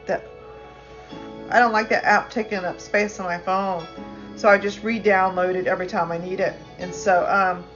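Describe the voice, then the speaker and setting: A woman's voice: medium pitch, a bit bright. Woman, casual rambling chat, phone live stream, muffled lo-fi sound, music playing behind. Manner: rambling, chatty, many restarts.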